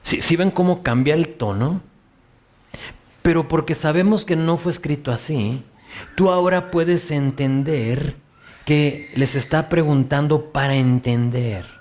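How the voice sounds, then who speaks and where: A man with a Mexican Spanish accent preaching a sermon, speaking slowly and deliberately, and asking questions in a soft, compassionate way. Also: on the high side. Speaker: pastor.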